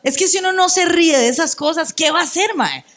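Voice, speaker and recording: A young Costa Rican woman chatting casually with quick, emphatic reactions. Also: very high voice, a bit bright, a little hiss or hum. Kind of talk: casual chat.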